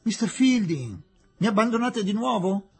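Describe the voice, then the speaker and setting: A man's voice: on the low side, wildly swooping pitch, a little fast, a little mellow, breathy edge, pitched below the performer's own voice, heavily acted. A man reading aloud and voicing an anguished young Indian doctor who calls out pleadingly. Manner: pleading, crying out.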